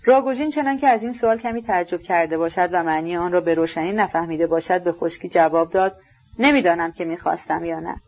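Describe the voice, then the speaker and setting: A woman giving steady, scripted audiobook narration. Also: fairly low pitch, hardly any pauses, lo-fi sound.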